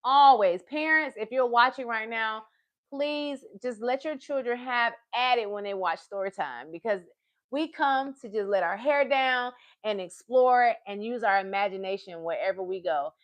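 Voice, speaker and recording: At a normal speed and a slightly high pitch, a woman chats warmly with small children and parents during her storytime livestream, sounding animated, encouraging, and sing-song. No room sound is audible.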